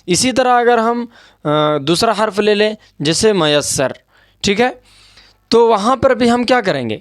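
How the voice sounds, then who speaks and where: A man's voice: high-pitched, lively intonation, no room sound, clean studio sound. A man teaching an Urdu grammar lesson at a board, patient and repetitive, often checking that his students follow. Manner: patient, repeats points, checks understanding with asides.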